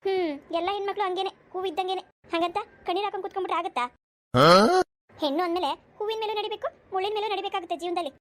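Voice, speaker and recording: A woman doing a sharp-tongued proud mother-in-law. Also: extremely high pitch, fairly even intonation, very fast. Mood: lecturing. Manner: scolding, grumbling, sighing hums. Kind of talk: cartoon voice acting.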